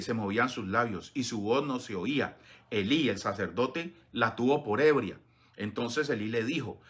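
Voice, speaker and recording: Earnest male preacher, forceful bright tone, reads scripture and stops often on hesitant fillers. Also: mid-range voice. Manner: earnest, addresses listeners as beloved, frequent hesitant fillers; reads scripture passages aloud between comments. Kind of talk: sermon.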